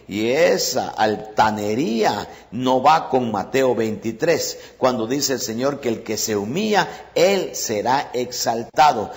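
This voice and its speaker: A man preaching a sermon as pastor, speaking emphatically, calling his listeners brothers and counting off his points one by one. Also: mid-range voice.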